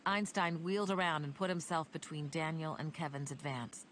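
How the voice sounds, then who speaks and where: Low-voiced woman reading a novel. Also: normal speed, a bit bright, a little hiss or hum. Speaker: narrator. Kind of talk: audiobook narration.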